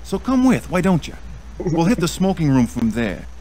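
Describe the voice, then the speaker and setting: Brash, chummy American salesman, animated. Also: on the high side, moderate pace. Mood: chummy, pushy. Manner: slangy, glad-handing salesman patter. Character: brash, chummy middle-aged American department store buyer and card sharp. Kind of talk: video game character acting. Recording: background noise and ambience.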